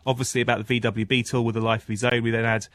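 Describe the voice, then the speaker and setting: Wry film critic on radio. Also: male voice, medium pitch, little pitch movement, very fast, fairly bright tone, dry recording. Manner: chatty and wry, breaks into mock voices. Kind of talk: casual radio film review chat.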